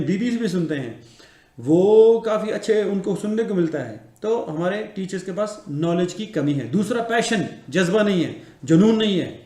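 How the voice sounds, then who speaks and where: A man's voice: high-pitched, warm tone. Earnest man lecturing in echoey room. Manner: earnest, lecturing, repeats phrases. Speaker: English teacher. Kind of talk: lecture to camera.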